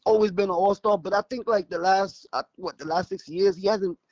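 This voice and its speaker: A man calling in to a sports talk show, chatting loosely and relaxed. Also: high-pitched, fairly quick, no room sound, muffled recording. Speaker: caller. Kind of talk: casual call-in chat.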